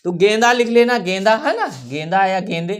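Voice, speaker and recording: A woman teaching a children's workbook lesson, reading words slowly and repeating them for the class to follow, often checking in as she goes. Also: medium pitch, lively intonation. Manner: slow, repeats words for children to read along; checks in often with "theek hai". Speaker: primary school teacher.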